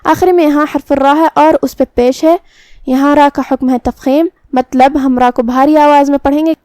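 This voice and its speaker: A woman with a high, warm voice and fairly even intonation teaches a tajweed lesson, patiently explaining pronunciation rules step by step and reciting in a slow chant. The sound is clean studio audio with no echo.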